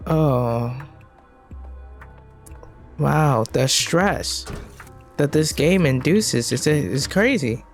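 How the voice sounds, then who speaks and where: A woman's voice: deep voice, lively intonation, extremely slow, pauses often, soft background music. A woman streaming a game, talking to herself anxiously and repeating her questions as she plays. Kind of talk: live gameplay commentary.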